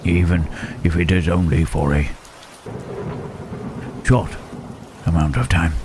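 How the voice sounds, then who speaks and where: A man playing Frankenstein's monster as a lonely, gentle creature in intimate ASMR roleplay, halting and tender, with formal wording. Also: sits low, steady tone, background noise. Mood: tender, longing. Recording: rain and thunder behind the voice. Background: rain and thunderstorm.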